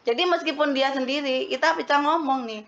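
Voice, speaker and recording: A woman's voice: high voice, fairly quick, fairly bright tone, muffled recording. A woman giving an explanatory parenting seminar talk to mothers. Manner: explanatory, addresses mothers as Bun. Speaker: parenting speaker.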